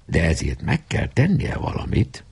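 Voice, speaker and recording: Male audiobook narrator, low and husky, lively intonation. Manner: expressive reading. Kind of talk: scripted storybook narration.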